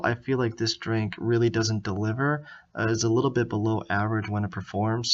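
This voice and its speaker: A young man giving an earnest, mock-formal drink review with scores, as the channel's host. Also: lowish voice. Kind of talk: product review narration. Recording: slightly dull lo-fi audio.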